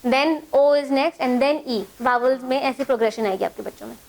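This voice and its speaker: A woman's voice: high voice, moderate pace, gravelly. A woman with an Indian accent, teaching a child development assessment, switching between English and Hindi as she explains step by step. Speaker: trainer.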